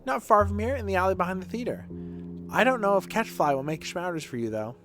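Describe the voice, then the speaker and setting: Man acting a young street kid, high-pitched, earnest, tattling, childlike video game dialogue, music behind. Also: lively intonation, quick pace. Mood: helpful. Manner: childlike, plain-spoken.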